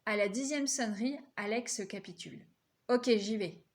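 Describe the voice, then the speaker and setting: A woman reading a children's novel aloud, lifting her voice for the characters' lines. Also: moderate pace. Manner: lively, voices characters' quotes higher. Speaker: reader.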